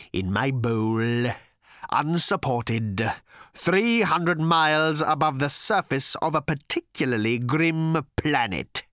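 A bitter, vengeful male creature, as an audiobook reader puts him on, drawls each word slowly and with menace. His tone is bright and lively yet hisses with contempt, and the sound is close and dry. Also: mid-range voice, no room sound. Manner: slow, hissing, drawn-out menace. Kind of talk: audiobook character reading.

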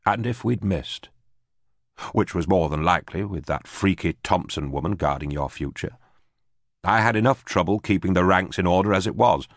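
In an audiobook, a man with a deep voice plays a frightened, bitter former official who pleads and stammers nervously. He speaks at normal speed, and the studio recording is clean with no echo.

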